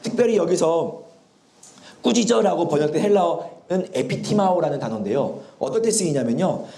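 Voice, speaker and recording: A man's voice: fairly high pitch, animated, a little fast, gravelly, dark tone. A male pastor preaching a sermon in a church, explaining and telling the story animatedly, with a sore throat. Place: church sanctuary. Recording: echoey church hall.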